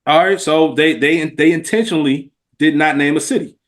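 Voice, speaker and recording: An American man co-hosts a podcast in a slightly high, brisk voice, talking casually and reflectively. He comes across earnest and slangy, repeating phrases for emphasis.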